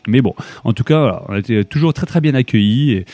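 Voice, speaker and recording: Between tracks on his radio show, a young Frenchman talks in a casual, halting way, full of fillers and restarts. He has a medium-pitched, expressive voice with a warm tone, captured without any room sound.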